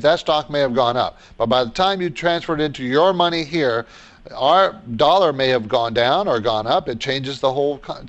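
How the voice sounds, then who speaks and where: A man's voice: a little high, lo-fi sound. A man hosting a radio call-in show, giving explanatory, unscripted financial advice and posing questions he answers himself.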